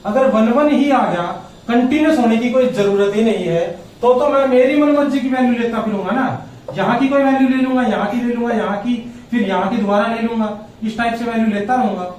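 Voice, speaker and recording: A male math teacher speaks a little fast in a very high, darkish voice during a classroom lecture. He explains step by step and keeps checking whether students follow. There's slight background noise, and his voice comes from far off in an echoey room.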